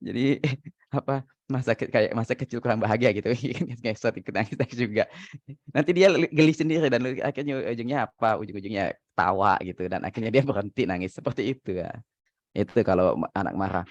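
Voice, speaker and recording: A man's voice: lowish voice, brisk, no echo. A man, a father, casually giving parenting advice in a chatty way, laughing often and using many fillers. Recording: dry, dull lo-fi sound.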